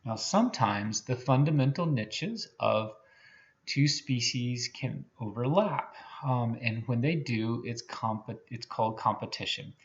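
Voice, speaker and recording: A male biology lecturer with a gravelly voice who talks conversationally, full of "um"s and restarts, and often pauses to ask "okay?". The recording is dull and lo-fi, like classroom lecture capture. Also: medium pitch, animated. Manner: conversational, many fillers and restarts, frequent "okay?" checks. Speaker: biology professor.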